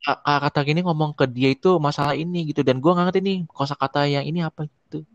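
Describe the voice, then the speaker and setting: A young man with a mid-range voice chats casually, pausing often and hunting for the right word. His voice is close and dry, with no room echo. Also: fairly high pitch, fairly even intonation, lo-fi sound. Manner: hesitant, searching for words with many fillers. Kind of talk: casual chat.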